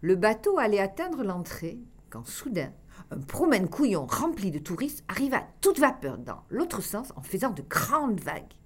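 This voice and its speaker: A woman reading a children's tale aloud, expressive and dropping to a hush for dramatic passages. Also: mid-range voice, moderate pace. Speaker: storyteller.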